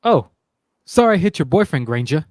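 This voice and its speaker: A man's voice: a little high, very animated, a little fast, darkish tone, no echo, clean studio sound. A man voicing a cocky, teasing teenage boy wizard in a fan voice-acting read-through.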